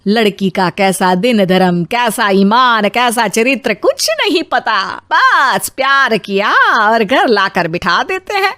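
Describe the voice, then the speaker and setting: A woman acts out an older mother-in-law in a family moral story, high in pitch and dryly recorded. She is bossy and melodramatic, with a scolding, exclamatory way of talking. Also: very animated, slow pace, hardly any pauses, bright, forceful tone, no echo, studio quality, heavily acted. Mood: complaining.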